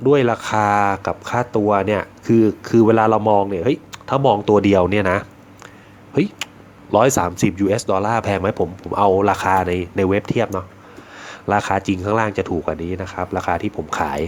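A man's voice: lowish voice, a little fast, a little hiss or hum. A middle-aged man who runs a knife shop chats casually about a knife, joking, rambling and swearing freely. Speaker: knife shop owner reviewing knives. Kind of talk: casual product chat.

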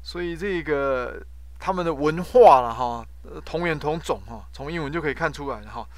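Male professor, higher voice, dry close sound, drills pronunciation by repetition. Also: moderate pace, no room sound. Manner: drills pronunciation by loudly repeating words, frequent "ha" tag. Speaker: professor teaching English word roots. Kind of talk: classroom vocabulary lesson.

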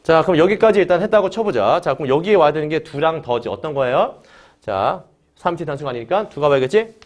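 This online grammar lesson features a man explaining English in Korean in an expressive, fairly quick manner, his pitch sitting a little high. He launches almost every phrase with a short "자," keeps questioning his students, and has them repeat key words as each example unfolds.

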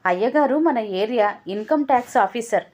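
A woman voicing a plain-spoken male driver who talks in a hushed, matter-of-fact way. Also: a little high, lively intonation, normal speed.

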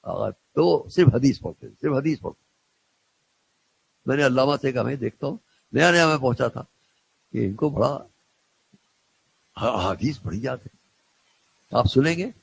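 Older cleric with a gravelly voice. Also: male voice, a little high. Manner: storytelling, repeats phrases for emphasis. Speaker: Shia cleric and scholar. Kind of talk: religious lecture with anecdotes.

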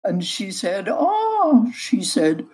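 Older Yorkshire-born woman, a measured storyteller, very slow delivery. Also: medium pitch, wildly swooping pitch, a little mellow, low-quality recording. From Yorkshire, England. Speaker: guest, cookbook author. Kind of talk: interview over a call.

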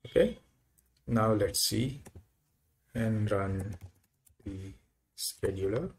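Slow, gravelly-voiced man walking through software. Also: on the low side. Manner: unhurried, thinking aloud with frequent uh fillers. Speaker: software tutorial presenter. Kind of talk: screen-recorded software walkthrough.

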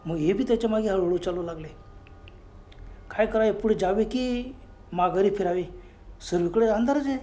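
Mellow-voiced man telling a horror story. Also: high voice, normal speed, pauses often. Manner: hushed, suspenseful telling. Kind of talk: spoken horror story narration.

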